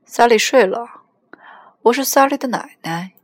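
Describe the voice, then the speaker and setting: A woman's voice: on the high side, animated, measured pace, pitched above the performer's own voice. A woman voicing a cold, curt elderly grandmother answering a late phone call.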